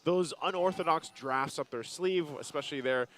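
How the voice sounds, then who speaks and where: A man's voice: fairly high pitch, moderate pace. A man giving live esports color commentary, talking through the game in loose, rambling analysis on a headset mic. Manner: relaxed, rambling analysis with fillers.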